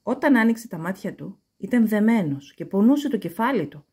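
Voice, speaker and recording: A woman reading a children's story aloud in an expressive, animated way. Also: mid-range voice, slightly rough.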